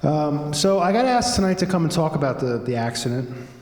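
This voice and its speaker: Halting middle-aged man in a reverberant hall. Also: fairly high pitch, big pitch swings, darkish tone. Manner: halting, with restarts, seated. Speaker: reader at a live event. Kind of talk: personal account at a reading. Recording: echoey hall with long reverb and faint noise.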